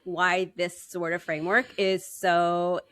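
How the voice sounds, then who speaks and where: A woman's voice: on the low side, level tone, takes it slowly, fairly bright tone, no echo. Woman hosting a podcast interview. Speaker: podcast host.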